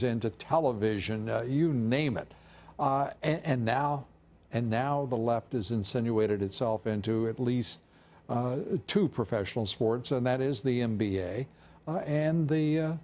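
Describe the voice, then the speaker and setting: Older male news anchor, halting fillers. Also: medium pitch, a little mellow. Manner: hesitant with many fillers. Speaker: TV news host. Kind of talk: cable news anchor segment.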